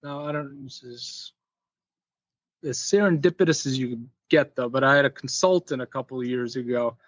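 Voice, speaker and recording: A man's voice: mid-range voice, normal speed, a bit bright, no room sound. Male podcast guest, easygoing storyteller, lo-fi dry sound. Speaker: podcast guest, packaging inventor. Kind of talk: casual interview chat.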